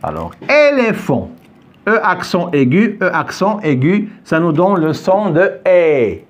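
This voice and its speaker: Unhurried and high-pitched, a man leads a French lesson in a classroom with a board. He's patient with repetition and frequently asks if everyone is keeping up.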